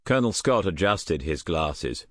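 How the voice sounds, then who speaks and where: Deep-voiced man narrating an audiobook. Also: very animated, measured pace, no room sound, studio quality.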